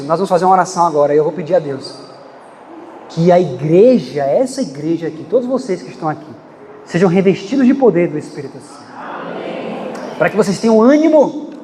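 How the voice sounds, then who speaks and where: His voice is very high and warm, with a faint hiss or hum, as he preaches fervently and swings from rapid bursts to long, drawn phrases. A long echo fills the sound like a vast church hall, with dramatic changes in pitch and pace.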